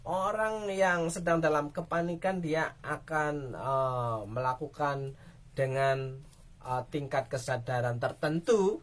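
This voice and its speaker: A woman pastor delivering a dramatic sermon, speaking directly to her congregation. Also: deep voice.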